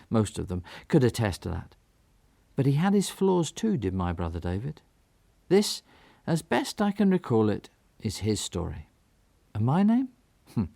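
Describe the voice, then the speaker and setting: A man telling a radio drama story in first person, reflective and lightly wry. His voice is dark and mellow, recorded dry and close, with expressive rises and falls. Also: mid-range voice, creaky, no room sound. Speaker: narrator.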